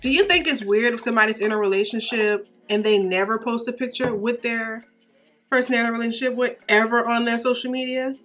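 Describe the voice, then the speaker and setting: Bright, emphatic young woman chatting. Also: a little high, quick pace, soft background music. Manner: animated, emphatic, slangy. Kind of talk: casual girl-talk chat.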